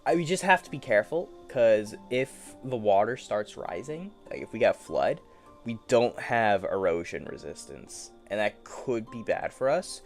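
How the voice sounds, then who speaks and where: A man's voice: lowish voice, animated, moderate pace, creaky, faint music behind. A man giving casual solo commentary while he plays a game, rambling to himself in a playful, easily amused way. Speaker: gaming streamer.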